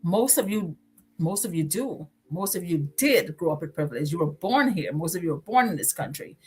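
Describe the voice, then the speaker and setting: A woman's voice: on the low side, animated, normal speed, husky, faint music behind. A woman from Guyana with a Guyanese accent, hosting a motivational livestream and preaching, repeating phrases for emphasis. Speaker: livestream host.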